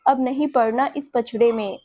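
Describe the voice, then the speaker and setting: A woman's voice: a little high, fairly even intonation, moderate pace, no echo, close to an everyday voice. A woman voicing a bitter, defiant young woman. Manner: sharp, defiant and tearful.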